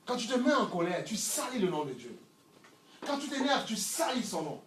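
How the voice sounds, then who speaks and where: A middle-aged man with a high-pitched voice preaches a sermon, picked up from far off in a reverberant room with faint ambient noise. He swings from loud shouts down to near murmurs. He often repeats a word several times before going on. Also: sing-song, moderate pace. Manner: repeats words while searching for them.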